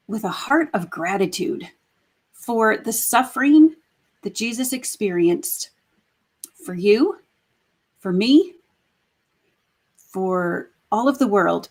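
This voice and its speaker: A woman hosting a daily church devotional, speaking gently and unhurriedly with soft fillers as she reflects and reads scripture aloud. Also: mid-range voice, slightly rough. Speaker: devotional host.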